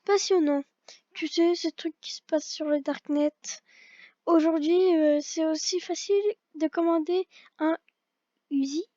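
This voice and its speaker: Voicing a visual novel as a fan reader, this young woman has a very high, mellow voice and an unhurried, fairly even delivery, frequently tripping over lines and restarting them. There's no room sound, though the old gaming headset gives a dull, lo-fi quality.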